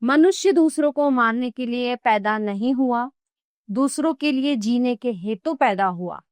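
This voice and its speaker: A woman's voice: a little high, expressive, unhurried, a little mellow, no echo. A woman voicing a compassionate woman singer who earnestly pleads with an emperor to give up killing.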